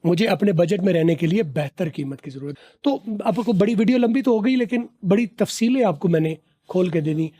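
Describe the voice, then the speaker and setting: A man teaching spoken English in a vlog, slowly drilling each phrase and repeating words, with long chatty explanations in between. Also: high-pitched, expressive, dark tone. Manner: explains at length, chatty asides.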